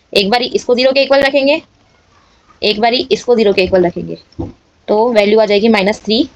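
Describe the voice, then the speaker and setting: Female maths tutor, high voice, dry close sound, walks students through each step. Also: no room sound. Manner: explains steps aloud, checks in often. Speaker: maths teacher.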